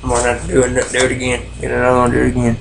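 A plain-spoken man talks around a pipe in his mouth as he walks through a hobby demonstration. His voice stays flat and even, at an ordinary pitch for a man. A steady background noise sits clearly behind him. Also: racing. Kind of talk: casual how-to demonstration.

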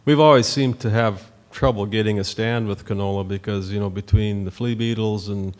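A middle-aged farmer from North Dakota speaks at a meeting-room podium, his voice sitting on the low side. He talks plainly and loosely, circling back with fillers and restarts. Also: steady tone, moderate pace. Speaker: farmer panelist. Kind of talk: conference panel talk.

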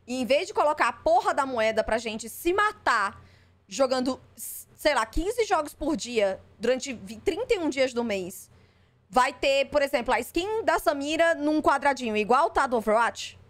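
A woman's voice: high voice, very animated, moderate pace. A woman streamer reacting live, skeptical and exasperated, swearing freely. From Brazil.

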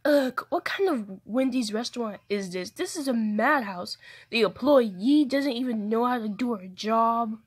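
A woman's voice: on the high side, animated, a little slow, breathy edge. Woman playing a huffy fake-Italian toy man. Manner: huffy, impatient, blustering. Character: grumpy male toy customer faking Italian. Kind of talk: doll play voice acting.

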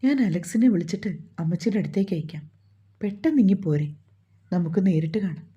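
A woman's voice: on the low side, expressive, fast, warm tone, slightly rough. Woman voicing a firm, teasing grown man. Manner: teasing, firm, matter-of-fact. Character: grown man, loving husband and firm son. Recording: dull lo-fi recording.

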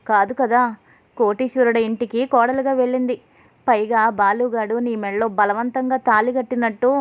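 A domineering, sharp-tongued mother-in-law from a family drama retelling pours scorn in a fairly high, flat voice, read out by a woman. She scolds with contempt. The audio is slightly dull. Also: dry recording, lightly acted.

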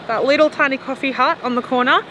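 A woman's voice: sits high, quick pace, sharp tone, low-quality recording. A young woman vlogging to a handheld camera as she walks through the city, chatting in a rambling way and often laughing. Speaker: travel vlogger. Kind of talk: casual walking vlog. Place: outdoors on busy city streets. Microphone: handheld camera at arm's length. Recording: street noise behind. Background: traffic and city street noise.

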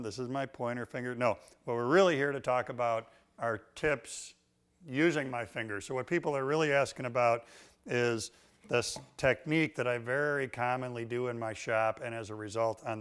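A middle-aged man teaching a woodworking technique in his shop, relaxed and folksy with dry jokes, on a lapel mic. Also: mid-range voice, smooth. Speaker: woodworking instructor. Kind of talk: instructional demonstration.

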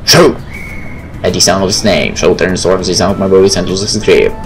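A gaming video creator with a deep, slightly fast voice does a let's play, reading visual novel text aloud and tossing in casual remarks. Game music plays behind him.

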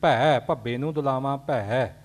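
A man teaches how to pronounce the verses of a scripture. He points out common slips and explains each correction patiently. He speaks at an unhurried pace in a mid-range voice. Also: medium pitch. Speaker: recitation teacher. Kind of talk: pronunciation lesson.

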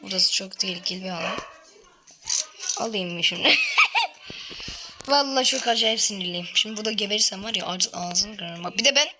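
A woman's voice: mid-range voice, brisk, long pauses, heavy background noise. A woman giving casual commentary while playing a mobile shooter, grumbling and swearing in frustration. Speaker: gamer streaming a mobile battle royale.

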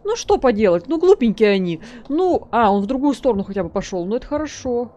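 A woman with a fairly high voice gives casual gameplay commentary. She is chatty and jokey, talking to her viewers and teasing the characters in the game. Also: very animated, fast, mellow. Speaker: let's play host.

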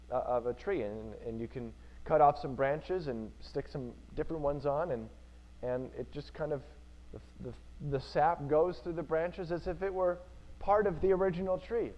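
A man's voice: mid-range voice, dull audio. A male preacher giving an earnest sermon in church, repeating key phrases for emphasis.

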